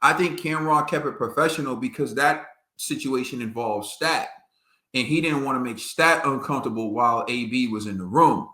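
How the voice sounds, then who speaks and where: A man's voice: medium pitch, normal speed, bright, forceful tone. A man co-hosting a podcast, giving emphatic casual boxing commentary and laughing often. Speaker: podcast co-host. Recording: roomy echo.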